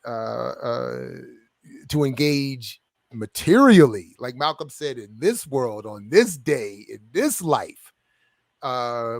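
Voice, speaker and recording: In a dry, clean studio recording, a man with a mid-range voice is interviewed over a video call as an author and scholar. His answers grow more passionate as he goes, building until he's amped up.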